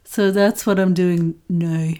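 A woman's voice: on the low side, fairly even intonation, slow pace, mellow. A woman co-hosting a podcast, a writer chatting casually, rambling and restarting her sentences and laughing often. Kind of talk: casual chat.

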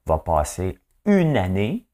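Brief: low-voiced Quebec French man hosting a rambling trivia show, very lively pitch, chatty. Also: slow. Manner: chatty, keeps tossing in "hein?"; slips into English phrases. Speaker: host.

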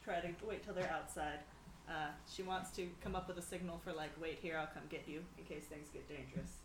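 A woman's voice: deep voice, steady tone, a little fast. A woman chatting casually as a player in a tabletop game. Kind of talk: casual chat. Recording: roomy sound with faint noise.

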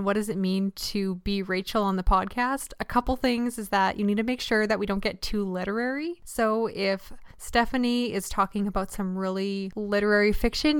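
Woman podcaster, chatty and upbeat, smooth voice, dry close sound. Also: mid-range voice, no room sound. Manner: chatty, upbeat, laughs often. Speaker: departing podcast co-host. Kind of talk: casual podcast chat.

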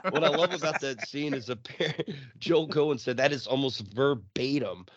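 A man's voice: medium pitch, moderate pace, dull audio, crowd noise. A man with a cold, chatting casually about a movie on a podcast, swearing often and laughing as he acts out scenes. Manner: swears a lot, laughs while acting out scenes. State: sick. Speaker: podcast co-host.

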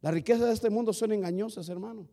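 Preaching man with a high voice. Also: fast, gravelly, mellow. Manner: preaching with rising and falling emphasis, repeating "hermano". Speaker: pastor. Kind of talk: sermon. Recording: archival church sermon recording.

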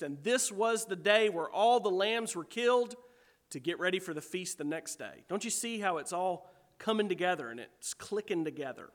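Pastor, male, high bright voice, emphatic sermon delivery, long hall reverb. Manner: emphatic, asks the congregation rhetorical questions.

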